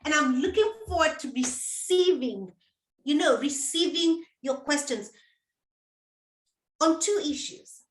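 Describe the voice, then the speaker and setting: A middle-aged menopause coach and host gives a live motivational talk to viewers, speaking slowly and deliberately in an expressive, high voice. She encourages listeners directly and repeats key phrases, her words ringing through an echoey room.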